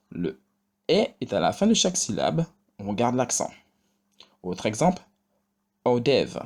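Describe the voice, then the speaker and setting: A man teaching a pronunciation lesson, saying example words slowly and repeating each one twice. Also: medium pitch, darkish tone. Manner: slow and deliberate, repeating each word twice. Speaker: language teacher.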